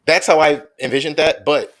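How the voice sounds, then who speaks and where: A man's voice: fairly high pitch, steady tone, normal speed. A man chatting casually as a movie reviewer, thinking aloud and searching for words, with his overloaded mic clipping and distorting.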